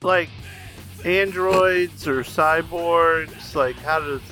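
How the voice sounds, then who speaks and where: A man's voice: on the high side, drawn-out words, sharp tone, faint music behind. A man co-hosting a podcast in casual chat, talking hesitantly with lots of "like" and "um". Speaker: podcast co-host.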